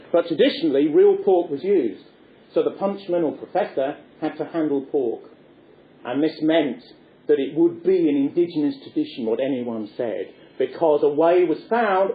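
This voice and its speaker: A man giving a discursive lecture in a wry, erudite, digressive manner. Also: on the high side. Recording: echoey tinny phone-like recording.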